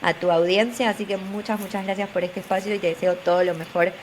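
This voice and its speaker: Speaking quickly in a steady, mid-range voice, a young career coach with a Buenos Aires Spanish accent encourages listeners during a motivational video call interview. She is earnest and repeats phrases for emphasis, with slight background noise audible.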